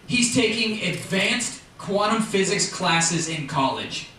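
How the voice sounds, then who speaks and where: High-voiced stand-up comic in echoey room. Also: male voice. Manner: animated, acts out characters in quick voices. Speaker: stand-up comedian. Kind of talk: stand-up routine. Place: live comedy venue. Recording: echoey distant live room mic with noise. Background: audience laughter.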